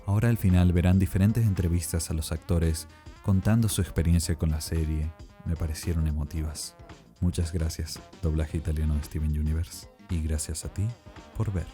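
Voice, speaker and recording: A man's voice: sits low, fairly even intonation, normal speed, dark tone, soft background music. A man narrating a scripted explainer as the presenter of the video.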